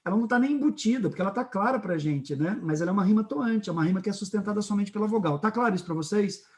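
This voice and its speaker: A man with a Brazilian Portuguese accent teaching a literature class, lively and checking in often with his students. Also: high voice, very fast. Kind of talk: classroom lecture.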